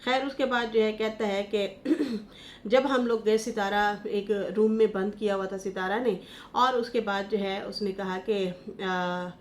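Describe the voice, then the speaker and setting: A woman's voice: mid-range voice, fairly even intonation, a little slow, a little hiss or hum. A woman from Pakistan hosting online gossip news, talking through a family scandal with emotion, scolding and retelling what others said. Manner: impassioned, scolding, recounts others' words.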